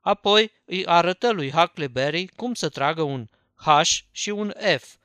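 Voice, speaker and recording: A man reading a story aloud as an audiobook narrator, with measured storytelling delivery. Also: sits high, animated, a bit bright, clear, resonant tone, no echo.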